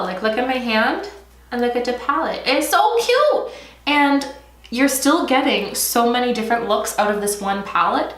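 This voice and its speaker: A woman's voice: a little high, fairly bright tone. A young woman chatting through a makeup tutorial, a little stuffy from allergies, swearing playfully and breaking into squeals. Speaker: beauty vlogger. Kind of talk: casual makeup tutorial chat. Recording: echoey room, faint noise.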